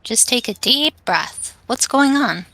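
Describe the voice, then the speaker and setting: A woman voicing a concerned young woman on the phone, calm and reassuring, while reading a game aloud. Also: on the high side, measured pace, dry recording, voice pushed up, exaggerated voice. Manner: calming, reassuring.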